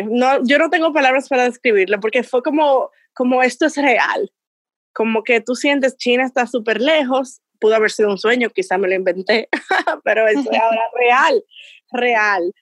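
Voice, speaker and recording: A woman from the Caribbean in her thirties, a guest telling a story in a casual interview, lively and laughing often. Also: on the high side, no room sound, studio quality.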